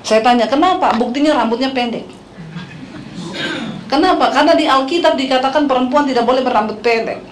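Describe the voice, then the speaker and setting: A middle-aged woman pastor with an Indonesian accent, preaching a lively, humorous sermon full of stories and questions to the congregation. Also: sits high, fast, hardly any pauses, a crowd in the background. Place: church hall. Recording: echoey hall with faint noise.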